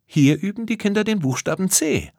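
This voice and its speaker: A man voicing a bright, eager young girl in a storybook, lively and excited. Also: sits high, moderate pace, vocal fry, breathy edge, dry recording, clean studio sound, pitched above the performer's own voice, heavily acted. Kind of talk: storybook character voice.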